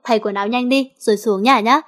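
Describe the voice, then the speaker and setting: A playful schemer of a teenage girl , as a woman reader puts her on, teasing her friends with mock alarm. Her voice sits a little high. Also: steady tone, brisk, a bit bright, close to an everyday voice.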